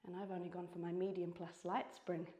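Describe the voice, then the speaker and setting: A woman with a New Zealand accent cues exercises in a mellow, dark voice while working out herself. She is out of breath and keeps up steady encouragement. The sound carries the echo of a studio room. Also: fairly low pitch, a little fast. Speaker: fitness instructor. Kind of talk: workout class instruction. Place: indoor reformer studio.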